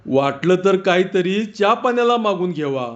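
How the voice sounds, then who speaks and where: A man's voice: sits high, lively intonation, normal speed, muffled recording. A man voicing a poor, humble village man who pleads in rustic village speech. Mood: pleading.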